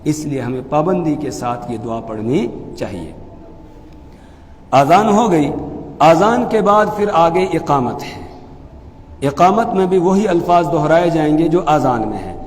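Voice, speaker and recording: A man teaching as a mufti, explaining pronunciation calmly and then chanting phrases slowly and loudly. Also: on the high side, big-room sound, slight background noise. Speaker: mufti teaching the call to prayer. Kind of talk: religious lesson with chanted demonstrations.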